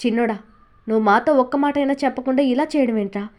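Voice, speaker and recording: A woman's voice: high-pitched, quick pace, a little mellow, lightly acted. A woman voicing a scheming mother who pretends to be shocked, in a storybook reading. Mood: feigned shock. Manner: feigned shock. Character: scheming mother faking innocence.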